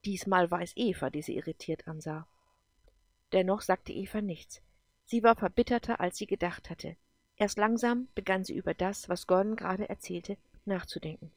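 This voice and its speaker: A woman calmly narrating a science fiction audiobook episode. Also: mid-range voice, moderate pace, no echo. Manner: calm, even storytelling. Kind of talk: scripted narration.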